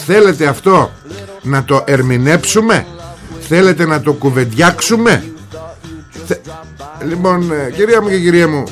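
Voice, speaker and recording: Male talk-radio host, high voice, mocking and combative political rant, faint music underneath. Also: animated, long pauses. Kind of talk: political commentary monologue.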